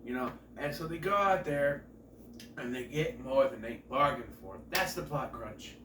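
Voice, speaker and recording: This man in his thirties has an expressive, medium-pitched voice and a measured pace, though a cold leaves him nasal and stuffed up. His casual film review rambles with jokes, asides and self-corrections, picked up by a distant mic in an echoey room with background noise.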